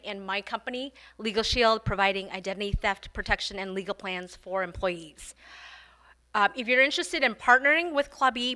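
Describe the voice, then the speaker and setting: A woman with a fairly high, sharp-toned voice hosts a business club meeting. She gives the announcements and introduces the speaker warmly, using lots of fillers along the way.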